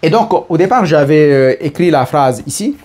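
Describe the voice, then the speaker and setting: A man's voice: fairly high pitch, expressive, normal speed, darkish tone. A middle-aged man with an Italian accent, talking casually to camera about personal growth and often restarting his phrases. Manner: hesitant, restarts phrases, speaks to the listener as tu. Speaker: personal development speaker.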